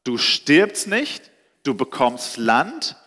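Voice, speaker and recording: A man voicing a generous king who reassures a frightened man, speaking slowly and emphatically. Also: medium pitch, wildly swooping pitch, pushed and bright, full character voice. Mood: reassuring. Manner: slow, emphatic. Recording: reverberant hall.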